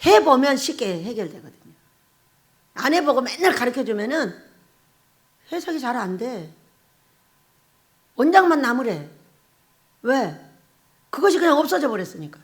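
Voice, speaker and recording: A woman's voice: high-pitched, big pitch swings, moderate pace, long pauses. A middle-aged woman pastor giving a conversational sermon, putting rhetorical questions to the congregation and often breaking into laughter. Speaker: pastor and prayer house director.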